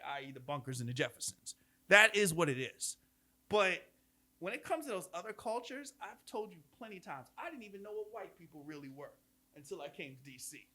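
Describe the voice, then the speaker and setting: Middle-aged male podcast host with a high, ringing voice who tells stories with emphasis. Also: pushed and bright. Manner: storytelling, emphatic, with laughs. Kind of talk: casual podcast debate.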